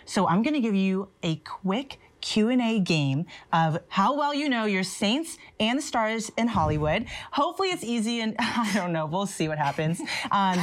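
A young woman hosting a casual show and running a quiz game, bubbly and quick to laugh. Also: mid-range voice. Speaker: host.

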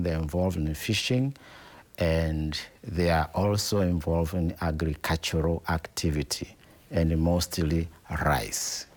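Man, middle-aged, from Tanzania, bishop, very deep voice, unhurried, deliberate answers. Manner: slow, deliberate, repeats phrases like "in actual fact". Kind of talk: interview answers.

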